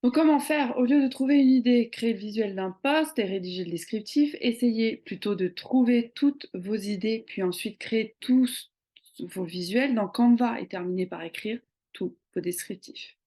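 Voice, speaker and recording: A woman's voice: fairly high pitch, normal speed, dark tone. A young woman explaining social media tips in a casual tutorial, talking conversationally with many hesitant fillers. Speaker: social media marketing coach.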